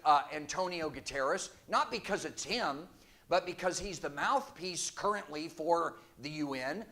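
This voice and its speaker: A man preaching a sermon from the pulpit of a church, forceful, with sarcastic asides. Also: high voice. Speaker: guest preacher.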